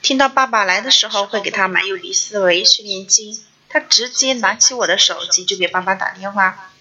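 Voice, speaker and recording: A mother hosts a parenting class and shares a family story in a chatty, homely way. Her voice is bright and forward, at an ordinary pitch for a woman. The recording sounds dull and lo-fi. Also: a little fast, breathy edge.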